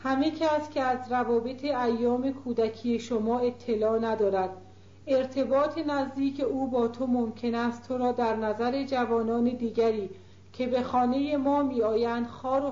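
A woman reading as a gentle worried old countess. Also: fairly high pitch, natural voice. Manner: gently reasoning, affectionate. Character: older mother countess, gentle but worried. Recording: roomy, dull lo-fi recording.

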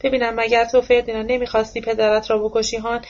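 A woman's voice: fairly high pitch, level tone, dull audio, lightly acted. A woman doing a theatrical older man raging. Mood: outraged. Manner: declamatory, accusing outbursts.

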